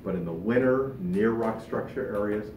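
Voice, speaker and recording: A middle-aged man speaks animatedly and casually to a club gathering, his voice on the low side. He is recorded from across a large meeting room, so the sound is distant and roomy with steady background noise. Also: moderate pace. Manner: animated, gestures a lot while talking. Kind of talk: informal talk to a fishing club. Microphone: far camera, no mic. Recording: echoey room from far off.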